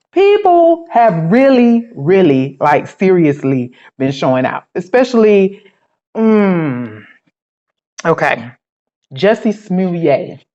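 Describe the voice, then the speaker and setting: A woman host with a New York accent talks in casual, profane, gossipy bursts. Her pitch jumps around a lot as she riffs. The sound is dull and lo-fi. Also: darkish tone. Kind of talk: casual opinion chat.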